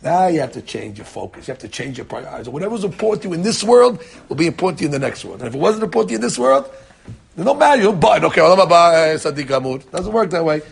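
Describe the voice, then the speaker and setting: A middle-aged man teaching a Talmud class in an animated way, repeating words and acting out the people he quotes. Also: a little high, very fast, creaky, breathy edge. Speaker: Torah teacher.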